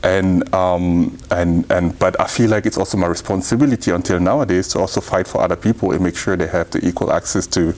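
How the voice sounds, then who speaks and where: Deep-voiced reflective man in his thirties. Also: steady tone, fairly quick, hardly any pauses, a little mellow. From Cameroon. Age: 30s. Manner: earnest and reflective, leans on "you know" and "indeed". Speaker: interview guest, politician. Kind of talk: casual interview talk.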